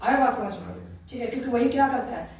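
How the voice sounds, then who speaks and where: A man's voice: extremely high pitch, fast talker, a little hiss or hum. A young man tutoring a class, mixing English terms into his talk and constantly asking whether the students have understood. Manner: keeps checking if students understood; mixes Hindi with English terms. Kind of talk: classroom lesson. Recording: echoey room, voice from far off.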